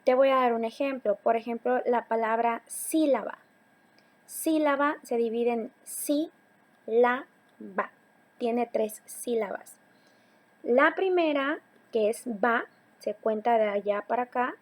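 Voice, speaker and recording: A woman teacher giving a recorded slide lesson, talking patiently to her students and slowing down on key words. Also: fairly high pitch, darkish tone. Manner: patient, addresses students directly, slows to stress key words.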